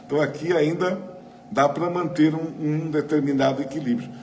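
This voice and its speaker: A man's voice: a little high, steady tone, normal speed, darkish tone. A man with a Brazilian Portuguese accent leading a spiritual study group, talking conversationally into a microphone and often asking the room questions. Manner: chatty, asks the audience questions, frequent tag questions. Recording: roomy hall with faint noise.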